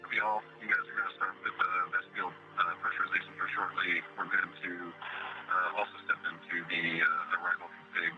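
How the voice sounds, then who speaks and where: A man's voice: deep voice, flat delivery, a little fast. A man speaking as an astronaut over a spacecraft radio, a terse communicator giving technical readbacks. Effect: radio transmission. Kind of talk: procedural radio exchange with mission control. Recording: dull lo-fi radio link, faint music.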